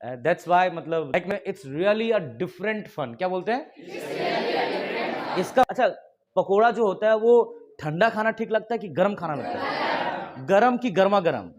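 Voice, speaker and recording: A man's voice: high-pitched, expressive, slow pace, crowd noise, noisy background. A man with an Indian accent teaching English to a class, mixing Hindi and English, often laughing and quizzing the students. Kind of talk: classroom lesson in Hinglish.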